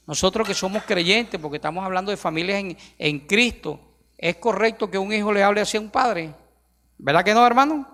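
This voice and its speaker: Preacher guy, middle-aged, gravelly voice, lots of emphatic questions at the church. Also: sits high, bright, forceful tone. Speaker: pastor. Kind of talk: sermon. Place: church sanctuary. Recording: long hall reverb.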